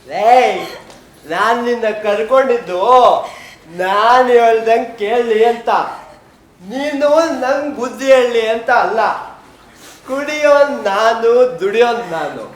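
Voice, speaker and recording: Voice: medium pitch, slow pace, lightly acted. A stage actor playing a coarse, abusive drunken father who taunts his wife. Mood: taunting drunk. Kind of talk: stage drama acting. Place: stage in a hall. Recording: echoey hall, music behind.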